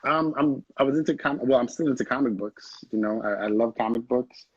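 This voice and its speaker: This young man from Haiti is a film director who rambles through a relaxed interview, laughing a lot. He speaks a little fast at a medium pitch with a husky sound, and the dull, lo-fi video call carries no echo.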